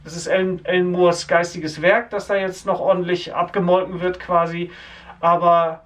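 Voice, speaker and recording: A man in his forties co-hosting a comic shop video, talking in an animated, chatty way. His voice sits high for a man. He often chimes in to agree with his co-host. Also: moderate pace. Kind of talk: casual chat.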